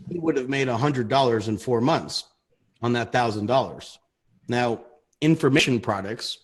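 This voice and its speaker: A man's voice: mid-range voice, husky. A man in his thirties co-hosting a casual livestream chat, rambling and restarting his sentences. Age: 30s. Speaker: co-host.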